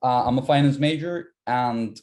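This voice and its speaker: A young adult from Colombia, whose first language is Spanish, speaks in a mellow, medium-pitched voice at normal speed. He's a university finance student guesting in a casual interview. He talks casually and repeats words while searching for them.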